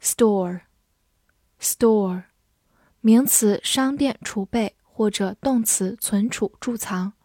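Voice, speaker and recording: A woman teacher with a slightly high voice teaches vocabulary at a very slow, deliberate pace. She says each word twice, carefully and clearly. The close recording sounds dry, with no room behind it. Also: darkish tone, no room sound. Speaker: English teacher. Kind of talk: scripted vocabulary lesson.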